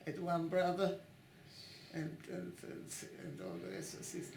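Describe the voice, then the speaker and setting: An elderly woman in her nineties with a gravelly, creaky voice, speaking haltingly in an oral history interview. She stumbles through many repeated restarts while she hunts for words. The recording has a roomy echo from her home. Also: lowish voice, big pitch swings, noisy background. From born in Italy, raised in Italy and Switzerland. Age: 90s.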